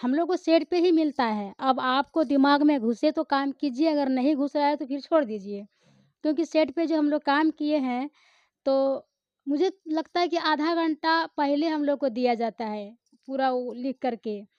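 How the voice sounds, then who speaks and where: A woman's voice: sits high, normal speed, no echo. A woman who acts in films answers interview questions in a chatty, rambling way with many hesitations. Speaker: film actor. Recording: slightly muffled, dry recording.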